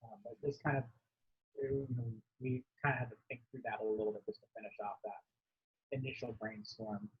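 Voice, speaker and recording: A man with a husky, slightly breathy voice speaks over a video call, and the sound comes through muffled and dull as his audio breaks up. He gives a team planning update in a hesitant way, with many fillers and hedges. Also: medium pitch, steady tone, fairly quick. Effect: heard over a video call with audio breaking up. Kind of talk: presenting a project update in a meeting.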